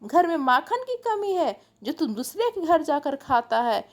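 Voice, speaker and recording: A woman voicing a protective, scolding mother who talks in rapid, insistent bursts. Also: high-pitched, very animated.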